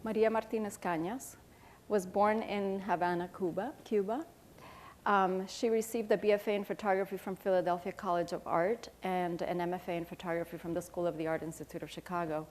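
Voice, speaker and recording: A woman moderating an art panel, reading out artist introductions in a steady, formal way with the odd filler. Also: fairly low pitch, a little fast.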